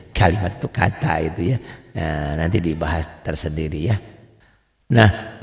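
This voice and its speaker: A man teaching the rules of Quran recitation in a casual lesson, asking and answering his own questions and stretching out example words in a slow chant. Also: deep voice, vocal fry, a little mellow, big-room sound. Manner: drops into slow drawn-out chanting on example words, quizzes himself aloud.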